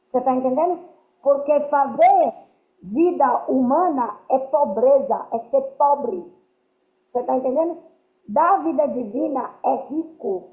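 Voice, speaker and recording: A woman's voice: high-pitched, unhurried, mellow. Woman preaching earnestly, keeps asking if you get it, echoey room, muffled lo-fi sound. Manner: earnest, keeps checking understanding. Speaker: spiritual teacher. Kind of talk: spiritual teaching to a group. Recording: roomy, dull lo-fi sound.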